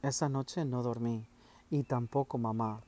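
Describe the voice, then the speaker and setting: A man reading a first-person story aloud in a measured, steady way. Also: mid-range voice. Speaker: audiobook narrator.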